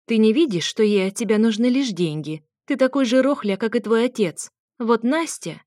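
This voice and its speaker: A woman voicing a domineering, scornful middle-aged mother who sneers and turns shrill. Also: sing-song, moderate pace, a little mellow, dry recording, studio quality, natural voice.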